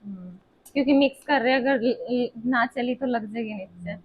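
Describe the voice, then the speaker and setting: A woman's voice: on the high side, normal speed, muffled recording. A woman chatting casually while cooking, giving brief practical instructions and corrections. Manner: brief practical remarks, corrects her partner. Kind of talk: casual off-the-cuff chat.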